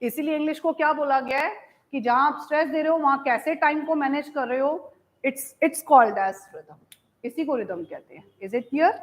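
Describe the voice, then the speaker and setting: A woman teacher with an Indian English accent, giving an online class. She mixes Hindi and English, reads key lines out slowly and keeps asking her students whether it is clear. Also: high voice, poor audio. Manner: calls students "beta".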